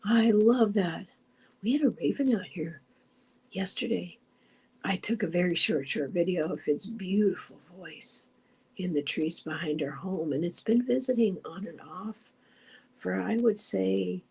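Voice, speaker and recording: A woman's voice: fairly low pitch, vocal fry, husky. A middle-aged woman hosting a meditation group livestream, chatting casually and wandering between thoughts. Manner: chatty, meandering, with frequent restarts and soft asides. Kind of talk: casual chat, reading viewer comments aloud.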